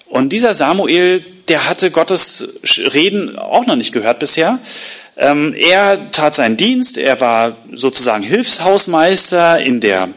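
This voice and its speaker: Lively storytelling male preacher. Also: fairly high pitch. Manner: lively retelling with acted-out quotes; colloquial asides. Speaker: pastor. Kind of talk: sermon storytelling.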